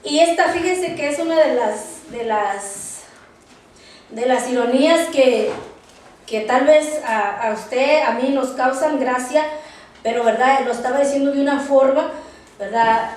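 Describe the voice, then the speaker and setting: A high-pitched woman leads a Bible study lesson, slow and halting, circling back over her words and spelling terms out letter by letter. She is heard from a distance in a very echoey room with faint background noise. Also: darkish tone. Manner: halting, repeats words, tags phrases with "¿verdad?"; spells words out slowly for note-taking. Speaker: Bible class teacher.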